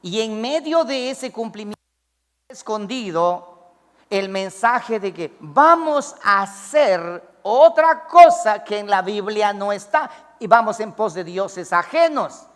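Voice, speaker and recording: Pastor preaching, high male voice, emphatic, loud calls and low asides, echoing hall. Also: animated, slow pace. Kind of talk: sermon. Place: church.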